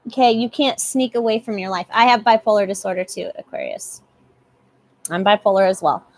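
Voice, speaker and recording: A woman's voice: medium pitch, big pitch swings, a little fast. A young woman giving a casual live tarot reading, chatty and often repeating herself. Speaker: tarot reader.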